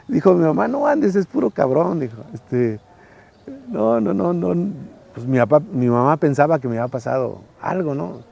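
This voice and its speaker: Recorded with lo-fi sound, a Mexican man in his sixties speaks with a fairly high, dark voice, lively intonation, vocal fry and an unhurried pace. As an interviewee, this architect and former faculty director casually tells colloquial anecdotes in a Mexican accent, often adding tag questions.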